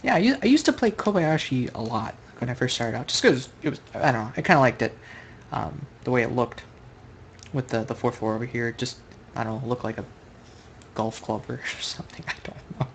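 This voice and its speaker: Gravelly man thinking aloud over a game. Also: mid-range voice, animated, fairly quick, slight background noise. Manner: rambling, thinks aloud, corrects himself mid-sentence. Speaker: Go player commenting on his own online game. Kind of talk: casual live game commentary.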